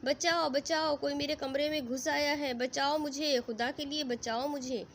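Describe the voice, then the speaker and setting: A woman's voice: high voice, fairly even intonation, vocal fry, fairly bright tone, slight background noise. A woman voicing a panicked young bride who screams and pleads in terror. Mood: frantic.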